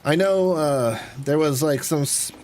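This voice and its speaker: Slightly high and a little mellow, this man's unhurried voice drifts through rambling, offhand chat as he plays a game on stream. Video game sounds sit clearly in the background.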